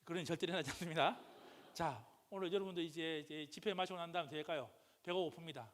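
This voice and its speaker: A man preaching a sermon as pastor, questioning the congregation call-and-response style and rising to loud, impassioned outbursts. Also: on the high side, fast. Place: church sanctuary. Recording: church hall reverb.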